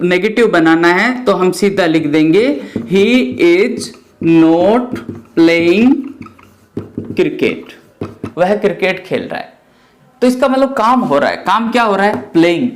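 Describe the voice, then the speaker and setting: A middle-aged man, teaching a grammar lesson and stepping through it by asking and answering his own questions. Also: high-pitched. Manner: explains step by step, often asks and answers his own questions. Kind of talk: classroom lecture.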